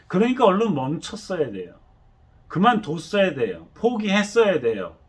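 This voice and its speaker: A pastor preaching a sermon, telling the story animatedly and acting out the voices. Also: male voice, high voice, huge pitch swings, normal speed, breathy edge.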